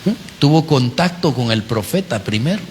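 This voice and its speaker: A man preaching a conversational sermon, animated and often putting rhetorical questions to the congregation. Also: medium pitch, moderate pace, a little hiss or hum.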